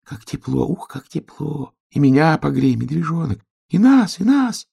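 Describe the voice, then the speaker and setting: A chorus of chilly little grass blades pleads in high, thin, plaintive voices, put on by a man reading a storybook. The voices leap far above his usual low register. A gravelly grain sits under them. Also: big pitch swings, normal speed, mellow, heavily acted. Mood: pleading.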